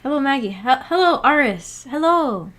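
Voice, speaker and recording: A woman livestreamer hosting a book club chats casually with viewers, reading and answering their comments in a rambling, hesitant, giggly way. Her voice sits high and is expressive and fairly bright, at a moderate pace.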